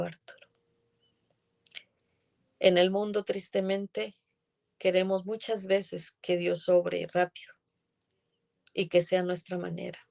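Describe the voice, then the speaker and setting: A woman's voice: on the low side, gravelly, a little mellow. A woman giving an earnest, emotional religious testimony as a guest in conversation.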